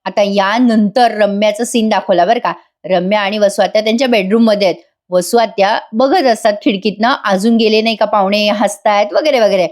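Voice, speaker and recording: A woman's voice: mid-range voice, fairly quick, a little mellow. A woman narrating a chatty voice-over review of a TV serial, talking straight to her viewers. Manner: chatty, addresses viewers directly.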